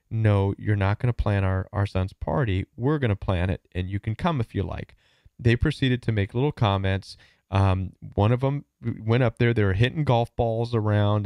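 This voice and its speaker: A man's voice: medium pitch, a little mellow, dry recording, studio quality. A man hosting a call-in advice show, talking earnestly with frequent restarts and asides. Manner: earnest, repeats words, asks "you know what I mean?". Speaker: host and coach.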